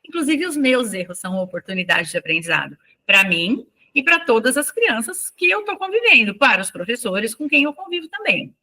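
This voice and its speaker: Woman, teacher, interview guest, bright voice, somewhat high, reflective, storytelling. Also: sing-song, fairly quick, few pauses. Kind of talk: casual interview talk.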